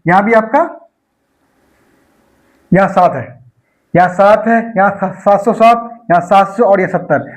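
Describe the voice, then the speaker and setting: A man with a high-pitched voice walks students through maths exam problems in an online lecture. He works each step aloud, repeats numbers slowly as he goes, and keeps asking the class rhetorical questions. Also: poor audio. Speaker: maths teacher.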